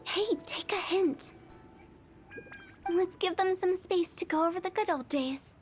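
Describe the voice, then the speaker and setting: A playful young funeral director from a fantasy game. Her voice sits high, and she tells grim history with a knowing, teasing gravity. Soft game music plays underneath. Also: a little slow. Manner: teasing, then grave and storytelling. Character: playful young woman running a funeral parlor, teasing yet solemn. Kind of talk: game cutscene voice acting.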